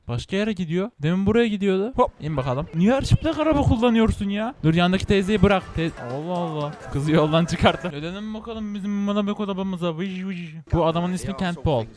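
A young man from İzmir with a Turkish accent, joking and excitable as he comments on his own gameplay and talks to the characters. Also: high voice, quick pace, few pauses, a little hiss or hum. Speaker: gaming channel host.

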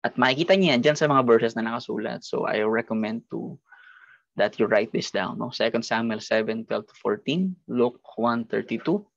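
A man with a Filipino accent teaches an online Bible study, his voice grainy with a gravelly rasp. He explains patiently, checking in with short tag questions. The audio is dry and a little muffled, like an online call. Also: medium pitch, moderate pace, no room sound. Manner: explains with frequent tag questions and mixes English into Tagalog.

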